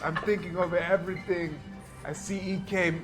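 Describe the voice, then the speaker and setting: A man's voice: high voice, fairly even intonation, moderate pace, over loud music. A man role-playing a tabletop hero, rambling and flustered and often laughing. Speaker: player.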